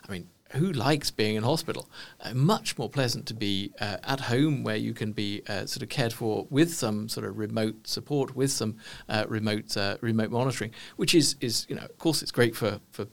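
Gravelly-voiced man, animated interview guest. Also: medium pitch, moderate pace, few pauses. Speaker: guest, management consultant. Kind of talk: conversational interview answers.

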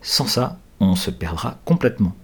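A man playing a calm, sensible older boy. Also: fairly low pitch, normal speed, husky, heavily acted.

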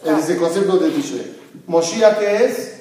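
A man with a fairly high voice teaches a religious lesson, asking the room questions and answering them himself. He weaves Hebrew terms into his talk. The sound is very roomy and echoing, picked up by a mic some distance away. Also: unhurried, dark tone. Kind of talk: Torah lesson to a congregation. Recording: very echoey room, mic far off.

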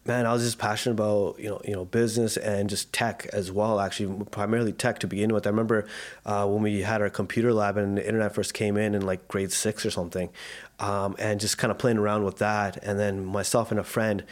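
A relaxed man in his thirties from Canada talks in an easy, unhurried podcast chat. His voice sits on the low side, and he laughs often and restarts his sentences with plenty of fillers. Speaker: guest, digital media co-founder. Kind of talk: casual podcast conversation.

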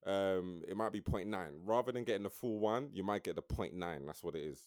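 A man's voice: deep voice, fairly quick, darkish tone, no room sound, studio quality. A young man with a London roadman accent and urban slang, chatting casually as a podcast co-host. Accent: London, urban street slang. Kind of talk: casual chat.

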